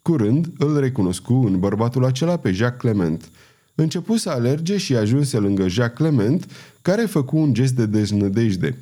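A man with a medium-pitched voice reads a novel as an audiobook, telling the story in a measured, expressive way.

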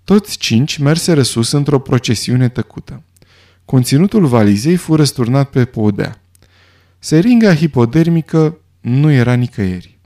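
A man reading a story as an audiobook narrator in a steady, even way. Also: mid-range voice. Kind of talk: scripted narration.

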